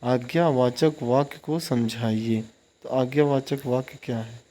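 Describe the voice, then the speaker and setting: Male tutor, unhurried and soft-toned, keeps checking if you follow. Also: medium pitch, fairly even intonation. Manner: explains step by step, checks in with "ठीक?" often. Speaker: teacher. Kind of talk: exam-prep lecture.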